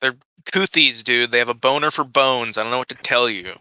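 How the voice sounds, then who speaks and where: A man's voice: mid-range voice, a little fast, bright, forceful tone, clean tone, no room sound, poor audio. A man narrating a tabletop game as its game master.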